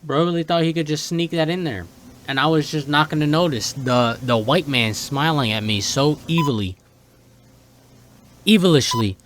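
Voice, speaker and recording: A man with a slightly high voice talks at a normal speed over a noisy background. He's a video host giving casual, slangy reaction commentary, sounding incredulous, partly reading text aloud and often calling the viewer "bro."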